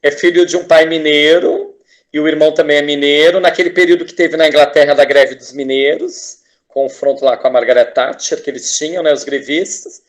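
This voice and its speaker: Enthusiastic Brazilian man, slightly high voice. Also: fairly even intonation, fairly quick. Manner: enthusiastic, rambling, frequent tag questions and restarts. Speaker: teacher and artist, podcast guest. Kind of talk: casual conversational interview.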